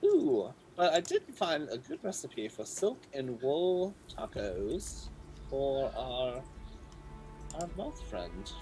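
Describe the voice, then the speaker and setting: A woman voicing a kindly, dotty old woman who is hard of hearing, fussy and halting in a tabletop game. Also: extremely low pitch, huge pitch swings, warm tone, soft background music, full character voice. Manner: fussy endearments, flustered halting speech.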